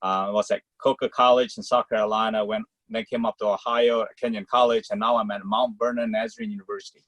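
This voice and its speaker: A man's voice: on the low side, little pitch movement, a bit bright, no room sound, poor audio. A man from Malaysia, a college tennis coach, answering interview questions casually with lots of fillers over a video call. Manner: talks in quick rambling clauses with many fillers.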